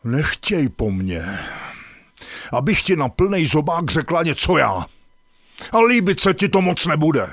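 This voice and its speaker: A bossy nagging dung beetle wife. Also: female voice, deep voice, very animated, dry recording, clean studio sound, exaggerated voice. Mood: scolding. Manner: scolding, sharp-tongued.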